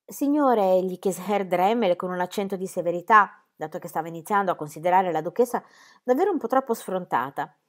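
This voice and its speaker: Low-voiced woman reading a novel. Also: fairly quick. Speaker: audiobook reader.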